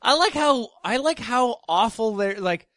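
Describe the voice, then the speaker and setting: A man banters casually and comically as a podcast co-host. His voice sits high and swings around in pitch, recorded dry. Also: expressive, a little slow, a bit bright, no room sound.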